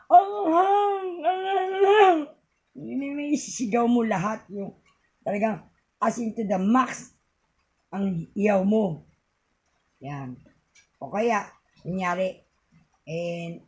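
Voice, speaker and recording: A woman's voice: medium pitch, darkish tone. A middle-aged woman with a Filipino accent, giving a home tip in a casual, rambling vlog and laughing often. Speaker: vlogger.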